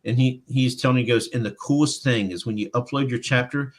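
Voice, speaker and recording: Male author guest, medium pitch, storyteller who acts out the quotes. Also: brisk. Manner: animated anecdote-telling, acting out quotes. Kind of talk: casual interview storytelling.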